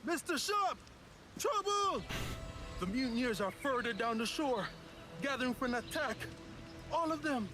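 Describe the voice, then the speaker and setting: An actor playing an excitable, alert young pirate lookout in a video game, with ambient noise behind him. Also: male voice, very high-pitched, unhurried, pauses often, over music. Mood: alarmed. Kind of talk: dramatic video game acting.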